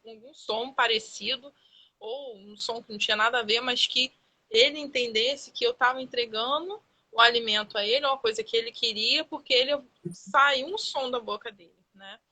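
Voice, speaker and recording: A Brazilian woman speaks in a fairly high, vivid, ringing voice, a guest on a live-stream conversation. She tells stories with animation, often imitating her young son's words as she goes. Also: normal speed, low-quality recording. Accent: Brazilian Portuguese. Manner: animated storytelling, acting out her child's words. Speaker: guest mother.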